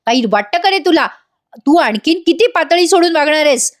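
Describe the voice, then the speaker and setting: Woman voicing a scolding middle-aged woman, high voice. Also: expressive, a little fast. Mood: reproachful. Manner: reproachful, scolding. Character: reproachful middle-aged mother-figure.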